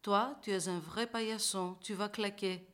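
A woman's voice: mid-range voice, steady tone, a little slow, fairly bright tone, close to an everyday voice. A woman reading the part of a boastful, mocking hare in a storybook tale, in street slang. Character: boastful cocky male hare.

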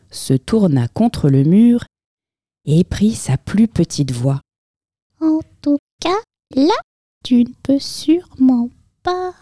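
A woman reading a children's picture book aloud as storyteller, with expressive, lively storytelling in a close, dry room. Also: low voice, dry recording.

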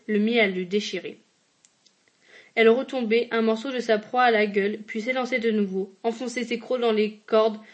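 A woman reads a literary short story aloud in a fairly high voice. Her delivery is measured and steady, with the odd slip where she backs up and restarts a word. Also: muffled recording. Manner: measured reading with occasional slips and restarts. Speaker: reader.

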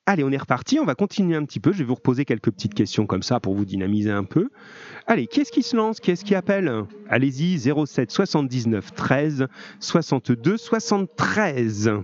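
A man's voice: mid-range voice, big pitch swings, brisk, darkish tone, lo-fi sound. A male French teacher running a live call-in lesson with his students, speaking in a friendly, informal and encouraging way. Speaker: middle-school French teacher.

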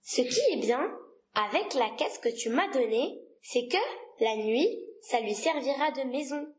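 A woman's voice: sits high, lively intonation, unhurried, a little hiss or hum. A woman reading the part of a small, curious boy prince in a storybook reading, earnest and insistent. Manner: earnest, insistent, childlike questioning. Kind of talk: read-aloud storybook dialogue.

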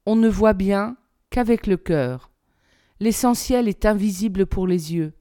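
A woman reading aloud, voicing a wise and tender fox who speaks calmly. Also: mid-range voice, unhurried, dry recording, studio quality, lightly acted.

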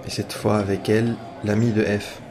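A young man tells a first-person story about a night out, casual and wry, hesitating often with fillers and pauses. His voice is on the low side and level in tone, with background noise behind it.

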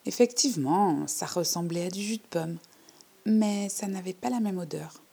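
A woman voicing a shy, overly polite little girl who tells her own story in a hushed, timid way. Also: on the low side, moderate pace, creaky, husky. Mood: earnest. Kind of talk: storybook reading.

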